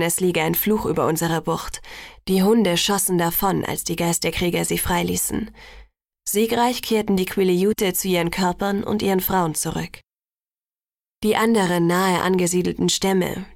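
Brief: woman reading old elder telling legends, solemn and measured, dry close sound. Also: on the low side, darkish tone, dry recording, natural voice. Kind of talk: audiobook reading.

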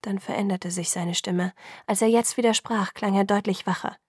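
A woman reading a first-person novel aloud in a steady, even storytelling manner. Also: mid-range voice, normal speed, breathy edge, no echo, studio quality. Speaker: audiobook reader.

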